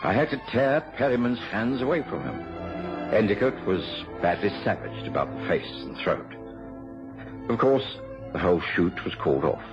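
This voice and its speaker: Earnest gentleman doctor narrating, dull recording. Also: on the low side, very animated. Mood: measured, grave. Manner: measured, formal storytelling. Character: Doctor Watson, earnest English gentleman narrator and loyal companion. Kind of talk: dramatised first-person radio narration. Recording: dull lo-fi radio recording, loud music.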